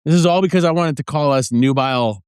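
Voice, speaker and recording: A man's voice: a little high, fast talker, a little mellow, smooth, no room sound, studio quality. A man co-hosting a podcast in casual chat, swearing often and poking fun at himself. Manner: profane, self-deprecating, jokey. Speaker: podcast co-host.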